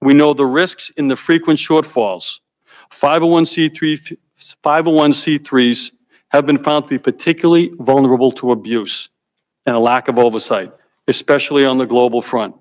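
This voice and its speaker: A man testifying at a congressional hearing, speaking deliberately and stressing key points by repeating them. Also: medium pitch. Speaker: hearing witness. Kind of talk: prepared testimony.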